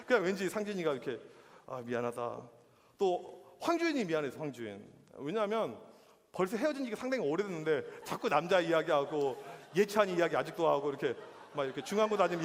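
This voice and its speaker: A youth pastor in his forties preaches in a quick, bouncing voice that sits high for a man and swings widely in pitch. He acts out the dialogue in his stories and laughs often. The sound carries a long reverb from the church hall. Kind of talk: youth sermon with comic stories.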